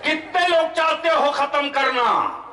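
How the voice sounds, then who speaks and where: A man preaching to an outdoor gathering, questioning the crowd and rising into shouts. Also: very high voice, slow pace. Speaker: Islamic preacher. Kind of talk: fiery sermon to an outdoor crowd. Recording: echoey distant PA sound.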